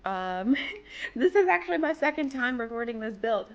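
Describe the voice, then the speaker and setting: A young woman who creates game builds talks through one of hers in a fairly high, sing-song voice at normal speed, sounding slightly worn out. She's chatty, rambles a little and pokes fun at herself, recorded on a desk microphone with dull audio.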